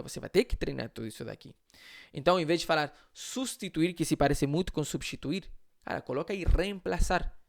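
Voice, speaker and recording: Gravelly Chilean-accented man teaching. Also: a little high. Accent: Chilean Spanish. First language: Spanish. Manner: conversational, frequent "né?" tags, asks and answers rhetorical questions. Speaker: Spanish teacher. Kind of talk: live online lesson.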